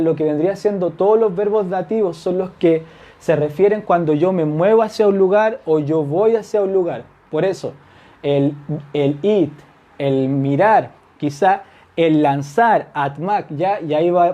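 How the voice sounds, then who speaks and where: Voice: medium pitch, mellow, dull audio. A Turkish language teacher, giving a whiteboard grammar lesson, patient, repeating example phrases and checking understanding with tag questions.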